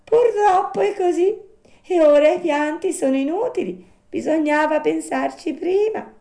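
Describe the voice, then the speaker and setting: Storybook: a squeaky, gentle little marmot, played by a woman, slow and consoling. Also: animated, vocal fry, heavily acted. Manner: slow, soft, sighing and sympathetic. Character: kindly little female marmot, gentle and sad.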